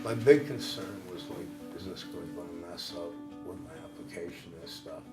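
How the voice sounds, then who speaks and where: A man speaking as a benefits applicant in a scripted training role-play, halting and hesitant with many fillers. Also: low voice. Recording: music bed under speech.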